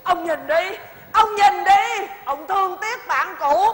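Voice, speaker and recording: A woman's voice: very high voice, slow pace, a bit bright, heavily acted. An actress playing a panicky, scolding older mother in a stage play, wailing and frantic. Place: theater stage. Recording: stage with long reverb, faint noise.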